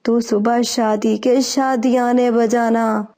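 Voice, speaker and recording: Woman doing a gruff old witch bird. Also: little pitch movement, warm tone, natural voice. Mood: scheming. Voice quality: deep mannish voice. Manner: slow, drawn-out incantations.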